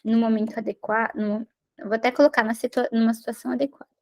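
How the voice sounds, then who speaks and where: High-voiced woman teaching parents. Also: level tone, fast, lo-fi sound. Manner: explanatory, repeats and rephrases points, tag questions. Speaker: parenting educator. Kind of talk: recorded lecture on parenting skills.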